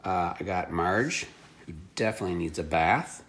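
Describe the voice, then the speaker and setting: A man with a notably low voice chats casually while showing off a haul of secondhand finds like a reseller. He's expressive and offhand at a moderate pace, tossing in dry, wry jokes, with a bit of background noise and an echoey room around him.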